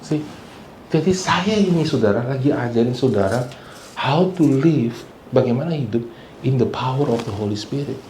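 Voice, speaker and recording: A male pastor delivers a sermon at a middle pitch, slipping English phrases into his talk and calling on the congregation to answer. The room is reverberant, with a faint hum of noise behind him. At times he acts out the people he quotes, loud and shouting. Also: animated, normal speed. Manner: switches between Indonesian and English phrases, asks the congregation for responses. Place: church hall.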